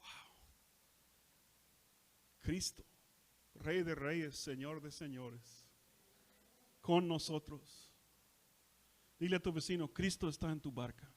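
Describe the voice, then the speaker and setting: A man preaching a sermon, saying each line in Spanish and then again in English, building to loud shouted peaks. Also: fairly high pitch, slow pace, pauses often. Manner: impassioned, swells to shouting on key lines. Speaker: pastor. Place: church sanctuary.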